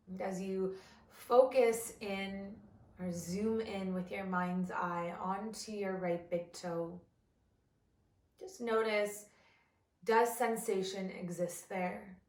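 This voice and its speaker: Leading a guided body scan as an instructor, a woman speaks gently and deliberately with long pauses between phrases. Her mid-range voice has a roomy sound.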